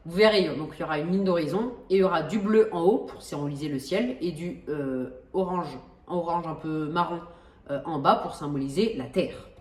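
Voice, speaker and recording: A woman's voice: low-pitched, moderate pace, darkish tone. Chatty Frenchwoman explaining, roomy and distant. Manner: chatty, many hesitations and restarts, self-joking. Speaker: flight simulator tutorial host. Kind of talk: casual tutorial explanation.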